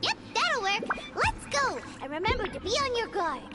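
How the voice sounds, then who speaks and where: Squeaky, excitable little fairy sidekick. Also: female voice, moderate pace. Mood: chatty, plucky. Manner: squeaky, childlike, animated. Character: small plucky female fairy-like companion, excitable. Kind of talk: anime game dub voice acting. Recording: game dialogue under loud music.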